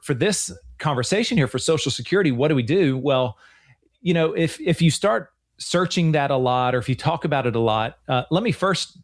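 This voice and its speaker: A man in his forties, a financial advisor hosting a show, talking in an earnest, chatty way and often repeating himself. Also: mid-range voice. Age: 40s. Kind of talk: casual radio-show chat.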